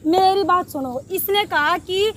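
A young woman argues stubbornly and keeps accusing in a staged street quarrel. Her voice is very high. Street and traffic noise can be heard clearly in the recording. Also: unhurried, fairly bright tone. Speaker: prank video performer.

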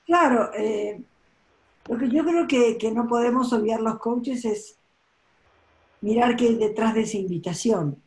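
An older woman from Argentina talks thoughtfully over a laptop webcam from a home office. Her voice is mellow and breathy, and she pauses often to gather her thoughts. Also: fairly high pitch, low-quality recording. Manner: thoughtful, reflective, with frequent pauses and fillers. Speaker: coaching expert guest. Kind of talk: webinar conversation. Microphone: laptop webcam on a video call.

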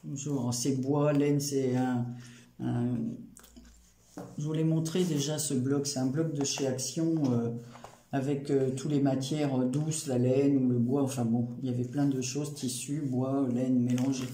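A man's voice: mid-range voice, fairly even intonation, a little slow, warm tone. A man casually showing a handmade photo album, hesitant, with many fillers and restarts. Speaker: crafting channel host. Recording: roomy echo with faint noise.

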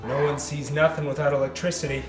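A woman's voice: low-pitched, flat delivery, fast, music in the background, lightly acted. A woman playing an unhinged, boastful drunken roommate with a slurred, swaggering delivery in a comedy drama. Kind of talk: comedic web-series acting.

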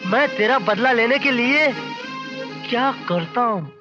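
Brief: a brooding avenger, slow, deliberate delivery, lo-fi film audio. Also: male voice, very high voice, lively intonation. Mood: vengeful. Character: vengeful man swearing revenge. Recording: dull film audio with music.

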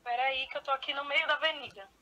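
A woman comes through a phone on speakerphone, her voice very high and sharply bright. She talks bluntly and impatiently from her car, keeping the chat short. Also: steady tone, fast talker. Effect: heard over a phone on speakerphone. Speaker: friend being pranked on a call. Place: in her car in a city center.

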